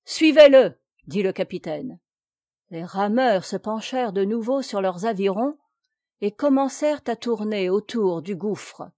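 A woman narrating an adventure story in a measured, steady reading voice. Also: medium pitch, no room sound, studio quality.

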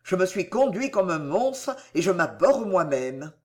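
A woman reading the part of a passionate, remorseful young gentleman, in impassioned pleading outbursts. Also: medium pitch, expressive, a little slow, natural voice.

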